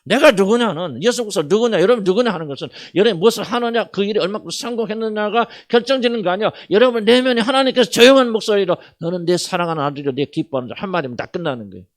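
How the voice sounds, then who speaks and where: A middle-aged man preaching a sermon as senior pastor, asking the congregation questions and swinging from loud to soft. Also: high-pitched, lively intonation, racing, few pauses.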